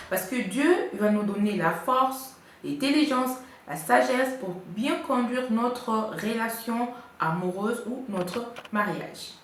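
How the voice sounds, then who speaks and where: A woman giving couple advice in a casual vlog, chatty and full of hesitations. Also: fairly high pitch. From Congo. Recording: echoey room, faint noise.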